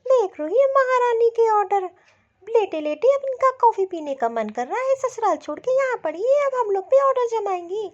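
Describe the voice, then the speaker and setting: A woman's voice: extremely high pitch, very animated, normal speed, dull audio. A woman voicing a scheming middle-aged mother-in-law in a cartoon, sarcastic and nagging. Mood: grumbling. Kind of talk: cartoon voice acting.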